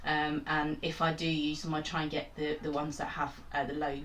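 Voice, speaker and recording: A woman's voice: low voice, little pitch movement, normal speed, a bit bright, distant mic. Chatty woman in an echoey kitchen. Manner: chatty and rambling, self-mocking asides. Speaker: home cook and channel host. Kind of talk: casual cooking demonstration. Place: small home kitchen.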